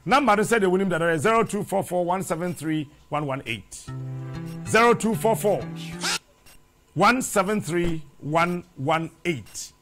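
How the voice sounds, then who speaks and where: Faint music plays behind a middle-aged Ghanaian man as he hosts a TV show from a brick-walled studio, speaking into a lapel mic. His high-pitched voice moves a little slowly through a preachy, animated monologue in Twi and English, with phrases repeated rhythmically.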